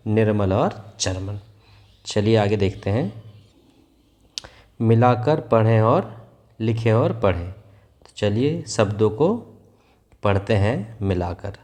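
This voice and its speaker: A male teacher giving a worksheet lesson to young children, patiently explaining and repeating words slowly for pupils to echo. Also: lowish voice, a little mellow.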